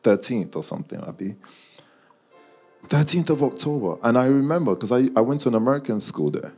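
Brisk and expressive, a mid-range male voice with a slightly rough, a little mellow quality riffs in casual London slang for an audience in the room and online, poking fun at them along the way. Soft background music plays. He comes from a Nigerian background, lived in Guyana as a child, and was schooled in the UK.

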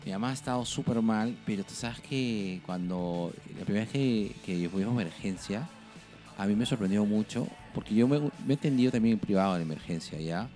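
A man's voice: lowish voice, fairly quick, warm tone, soft background music. A man with a Peruvian accent chatting casually as a podcast co-host, swearing often and laughing through his stories. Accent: Peruvian Spanish. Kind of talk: casual chat.

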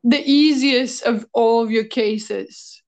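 A woman interviewer asking questions in a halting, searching way with many fillers. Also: a little high, darkish tone. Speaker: interviewer host.

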